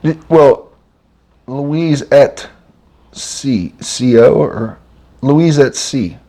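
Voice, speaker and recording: Woman co-host, very low voice, relaxed casual chat. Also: very slow. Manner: easygoing, explains things, short agreeing replies.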